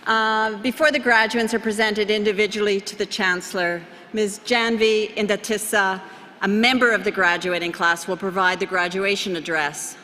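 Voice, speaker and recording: A woman's voice: mid-range voice, steady tone, moderate pace, bright, forceful tone, a little hiss or hum. A woman introducing a student speaker at a university ceremony, poised and scripted. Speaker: ceremony presenter. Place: large convocation hall. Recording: hall reverb with crowd behind.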